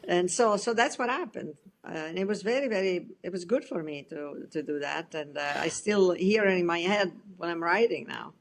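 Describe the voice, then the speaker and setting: Speaking as a guest author in a casual interview, a middle-aged woman from Italy talks with an Italian accent, full of restarts and light laughs in a halting manner. Her voice is lowish and expressive.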